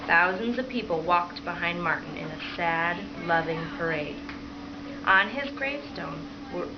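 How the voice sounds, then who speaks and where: Reading to children like a teacher, a woman with a lowish, expressive voice speaks at a measured pace, posing questions and echoing the kids' answers with encouragement. The home recording is dull and lo-fi, and background noise is clearly audible.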